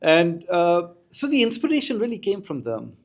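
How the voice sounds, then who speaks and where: A middle-aged man speaks with an Indian accent in a somewhat high-pitched voice. He is an articulate, reflective storyteller, sharing anecdotes as a podcast guest. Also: wildly swooping pitch, normal speed. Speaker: podcast guest, school educator. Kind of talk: anecdotal interview talk.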